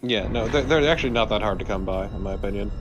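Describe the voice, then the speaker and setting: A man with a lowish voice talks fast as a let's play co-host, giving casual, informal gameplay commentary with a dry sarcasm. The sound is lo-fi, with game music in the background.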